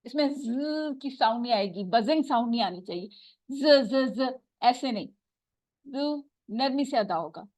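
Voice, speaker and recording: A woman teaching Quran recitation, patiently explaining and slowly repeating sounds to demonstrate them. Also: fairly high pitch, expressive, a little mellow, dry recording. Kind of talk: tajweed lesson.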